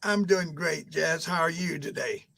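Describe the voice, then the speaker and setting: A man in his sixties answering interview questions at a measured pace, with frequent pauses and fillers. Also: a little high, creaky, bright, forceful tone. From Albany, Georgia. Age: 60s. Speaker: mayoral candidate guest.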